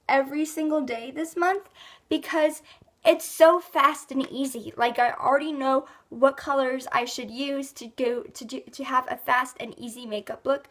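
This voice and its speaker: Teen girl beauty vlogger, high voice, slightly sick and rough, chatty with fillers. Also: fairly bright tone. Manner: chatty, lots of ums and likes. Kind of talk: casual rambling product review.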